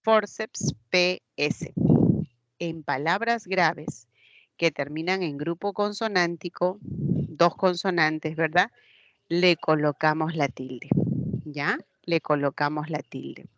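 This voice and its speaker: Slow, patient woman teacher, lo-fi sound. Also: low voice, a bit bright, no room sound. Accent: Peruvian Spanish. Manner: patient, explains step by step, checks with "¿ya?". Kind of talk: online class lecture. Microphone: computer mic in a video class. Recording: dull lo-fi online class audio.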